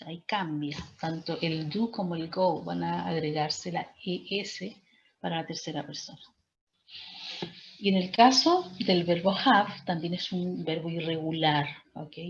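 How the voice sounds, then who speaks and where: Teacher lady, talks slow, keeps asking "ok?", muffled lo-fi sound. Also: sits low, a little hiss or hum. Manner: patient, explains step by step with frequent "¿cierto?" and "¿ok?" checks. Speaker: English teacher. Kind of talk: online class lecture.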